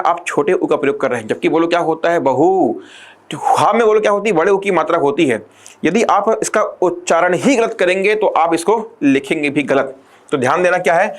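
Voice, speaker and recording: A male teacher giving an exam-prep lecture who keeps asking the class rhetorical questions and slows down to dictate definitions. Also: sits high.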